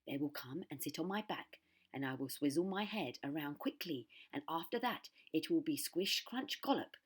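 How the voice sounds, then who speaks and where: A woman's voice: sits low, expressive, normal speed, breathy edge. Woman as a greedy, scheming storybook crocodile. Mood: gloating.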